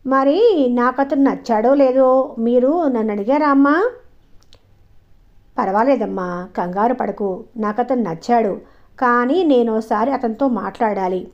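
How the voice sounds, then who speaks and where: A woman's voice: fairly high pitch, measured pace, pauses often, highs cut off. A woman voicing a composed young daughter. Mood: calm, reasoning. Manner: composed, reasoning, gently firm. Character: calm, self-assured young woman, a grown daughter.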